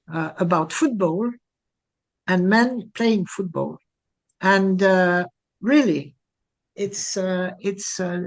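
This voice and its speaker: Slow-talking woman speaker. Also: mid-range voice. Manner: halting, many pauses and fillers, non-native phrasing. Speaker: training speaker. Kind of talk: Q&A answer at a training session.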